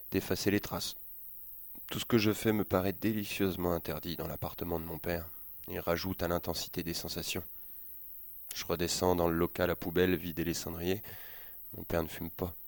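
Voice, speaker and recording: A man's voice: sits low, darkish tone, no room sound. A man reading a first-person story aloud in a subdued, often near-murmured voice. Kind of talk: first-person audiobook narration.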